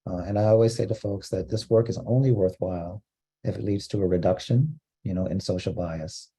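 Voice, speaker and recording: A man from Costa Rica giving an online training lecture, explaining terms in a measured way with frequent fillers. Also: deep voice, warm tone, slightly rough. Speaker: diversity trainer.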